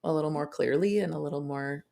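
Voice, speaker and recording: A woman co-hosting a podcast in a relaxed chat. Her voice sits fairly low and carries a lot of vocal fry. She sounds dry and matter-of-fact and teases her co-host. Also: quick pace. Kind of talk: casual chat.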